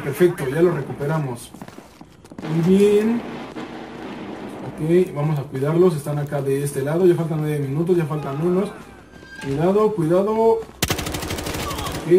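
Mexican man streaming a shooter game, high voice, heard from a distance over loud game noise, excitable and foul-mouthed. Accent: Mexican Spanish. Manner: excitable, swearing, repeats words in bursts. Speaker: gaming YouTuber. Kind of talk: casual gameplay commentary.

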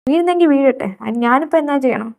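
A woman's voice: high voice, rapid-fire, creaky, darkish tone. A woman voicing a stubborn young office worker who plays down her troubles to her father in a fan audio drama. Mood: annoyed.

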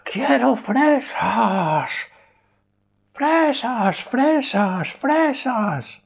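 A man's voice: high-pitched, sing-song, slow, voice pushed up, full character voice. A man voicing a small boy in an endless tantrum, whiny and repeating his demands. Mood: wailing.

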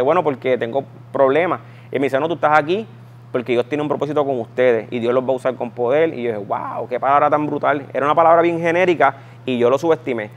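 A man in his thirties with a Puerto Rican Spanish accent, telling his personal conversion story in an emphatic, storytelling way. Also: mid-range voice. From Puerto Rico. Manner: storytelling, emphatic, acts out voices in quotes. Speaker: guest giving a testimony.

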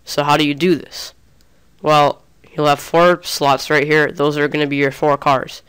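His voice is a little high, level and smooth, a bit bright, moving at a moderate pace. The young man is giving a chatty, casual gaming tutorial over a screen recording, restarting often, while a bit under the weather with a slightly off voice.

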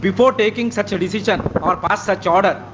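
A man's voice: high-pitched, brisk. A middle-aged man with an Indian accent speaking as a judge in court, stern and insistent, questioning and giving orders. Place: large courtroom. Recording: muffled, noisy courtroom video stream.

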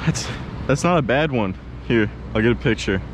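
A young man filming himself fishing from a kayak outdoors on an action camera, talking in excited slangy bursts. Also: medium pitch, moderate pace. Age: young adult. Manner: hyped, slangy exclamations. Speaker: fishing vlogger. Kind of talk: excited casual chat on the water. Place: kayak on open water outdoors. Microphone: action camera on the boat. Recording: outdoor noise from wind and water.

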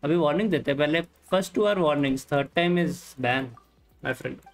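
A man with an Indian accent streaming a game live, talking casually with viewers, mixing Hindi and English and telling the chat to calm down. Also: fairly high pitch, takes it slowly, soft background music, rough recording. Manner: easygoing, mixes Hindi and English, calms the chat. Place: home room, hot.

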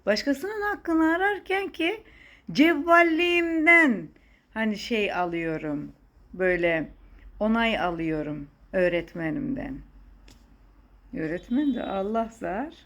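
Middle-aged woman, podcast host, playful casual talker, medium pitch. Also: lively intonation, slow, a bit bright. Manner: chatty, playful, laughs often. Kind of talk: casual chat.

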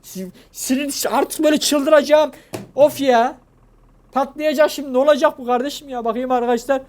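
A young Turkish man commenting casually on a driving game, excitable and mock-lamenting, cursing often. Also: extremely high pitch, normal speed. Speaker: gaming channel host.

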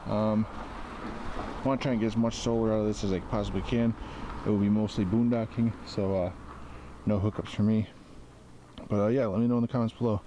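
With a warm, lowish voice and slight background noise, a vlogger in his thirties casually walks viewers through an RV, first inside and then out on the roof. He speaks into a handheld camera mic in a loose, rambling way, using lots of fillers.

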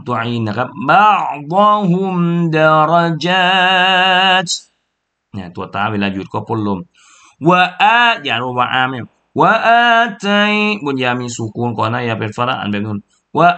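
A man teaching Quran recitation, chanting verses very slowly and then explaining pronunciation sound by sound in a relaxed, lower voice. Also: vocal fry. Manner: says polite particles often and repeats sounds to demonstrate.

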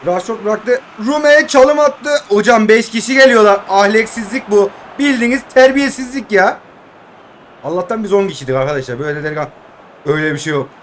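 A young man in his twenties giving casual, excitable play-by-play of his mobile football game, joking and talking to his viewers as friends. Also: sits high, quick pace, slight background noise. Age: 20s. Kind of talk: casual gameplay commentary.

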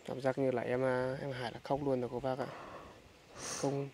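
Male vlogger, mid-pitched, hesitant filler-heavy delivery, outdoor village interview, faint background noise. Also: level tone, darkish tone. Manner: halting, full of filler sounds. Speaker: vlogger visiting a poor family. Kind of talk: casual on-location interview.

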